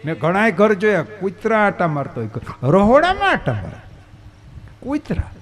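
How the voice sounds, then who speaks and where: A man's voice: high-pitched, very animated, normal speed. A man giving a devotional discourse as a katha preacher. He asks the crowd questions and answers them himself, and he uses folksy, earthy examples.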